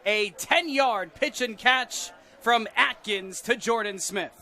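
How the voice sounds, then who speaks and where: A man's voice: very high voice, takes it slowly, bright, forceful tone. An American man giving live play-by-play commentary on a football game. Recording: faint outdoor background noise.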